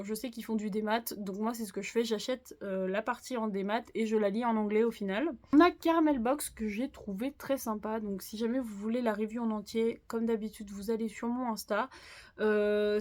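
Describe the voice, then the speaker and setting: Chatty French-speaking woman, slightly high voice. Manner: chatty, frequent "euh" fillers, laughs at own jokes. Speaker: manga haul vlogger. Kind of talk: casual unboxing chat to viewers.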